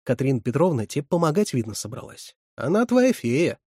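A man voicing a cheeky teenage boy at summer camp who teases and whines, with a husky voice. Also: on the high side, very animated, a little fast, darkish tone, no room sound, clean studio sound, voice pushed up. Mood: teasing. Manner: teasing, whiny.

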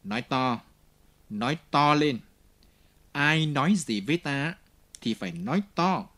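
A brutal police inspector who barks his orders with open contempt, as a male audiobook reader puts him on. The voice is a little husky and swings widely in pitch. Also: big pitch swings, unhurried, heavily acted. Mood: harsh contemptuous. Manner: barking, contemptuous, shouting orders. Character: harsh brutal police inspector, middle-aged man.

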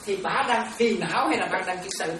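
A mid-range, fairly bright voice at a fairly quick clip belongs to a Buddhist nun giving a chatty, informal dharma talk; she laughs often and calls her listeners her children. Captured from far off in a roomy setting with a crowd, it carries a little hiss or hum.

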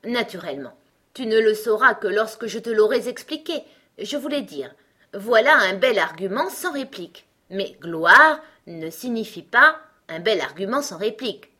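A woman voicing a pompous, touchy male egg who lectures in a scornful, lofty way, with a husky voice. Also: on the high side, big pitch swings, normal speed, a bit bright, voice pushed up. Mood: haughty. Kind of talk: storybook reading.

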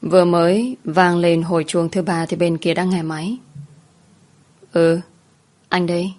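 A woman narrating a spoken story in a soft, even storytelling manner. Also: lowish voice, normal speed. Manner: soft, even storytelling, voicing every character herself. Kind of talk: storytelling narration with acted dialogue.

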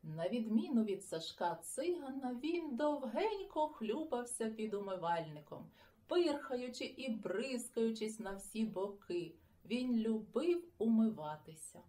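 A woman reading a children's story aloud with an expressive, lively storytelling manner. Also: fairly high pitch, measured pace. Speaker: audiobook reader. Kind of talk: children's audiobook narration.

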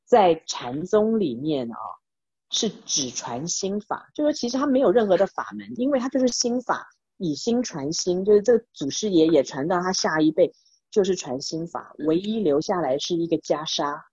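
A woman's voice: on the low side, lively intonation, normal speed, a little mellow, husky, no room sound. A woman teaching a Buddhist text through chatty storytelling full of fillers, in a dull, dry recording. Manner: chatty, many fillers and restarts, addresses listeners. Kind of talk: casual storytelling lesson.

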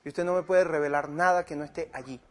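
Talking fast, with fairly even intonation, this man has a fairly high-pitched voice. In sermon-style storytelling, he recounts a debate with a fellow pastor, voicing both sides in quoted dialogue and moving between loud and quiet.

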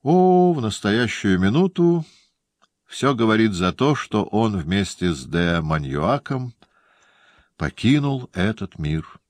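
A man's voice: on the low side, sing-song, slow, dry recording, voice pushed up. A cold, scheming young woman, read by a man. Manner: dry and indifferent.

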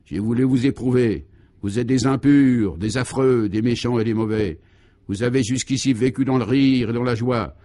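A man's voice: medium pitch, moderate pace, mellow, dry recording, studio quality, close to an everyday voice. A man voicing a stern young fairy who solemnly declaims a curse in a radio play. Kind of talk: 1950s radio comedy acting.

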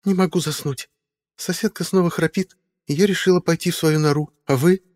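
A man reading a storybook voices a young woman, nervous and suspicious, with high questioning speech. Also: fairly even intonation, fairly quick, a little mellow, big-room sound, natural voice.

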